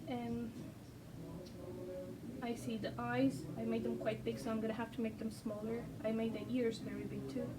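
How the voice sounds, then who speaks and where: Heavy background noise and music surround this distant recording of a woman sketching on camera and rambling in her second language, English. She's hesitant and self-deprecating with many ums, her on-the-high-side voice delivered flatly.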